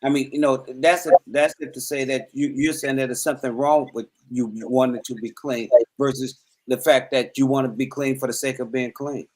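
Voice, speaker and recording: A man's voice: medium pitch, fairly even intonation, a little fast, few pauses, rough recording. A man co-hosting a casual chat, explaining his point earnestly and at length, often repeating words as he goes. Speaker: co-host.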